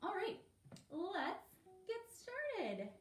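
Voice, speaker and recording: A woman's voice: extremely high pitch, wildly swooping pitch, extremely slow. A woman teaching an elementary music lesson over a home livestream, talking to young children in an encouraging, sing-song way. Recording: roomy, distant, faint background hiss.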